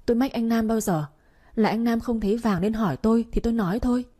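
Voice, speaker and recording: A woman's voice: on the high side, fast talker, warm tone, pitched above the performer's own voice, lightly acted. A woman voicing a meek, pregnant young daughter-in-law who speaks politely and pleadingly.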